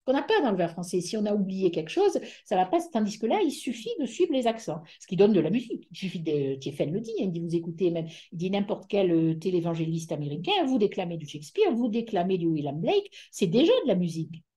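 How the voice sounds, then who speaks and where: A middle-aged woman giving an academic lecture over a video call, hesitant and often pausing to search for words. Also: fairly low pitch, sing-song, mellow, breathy edge.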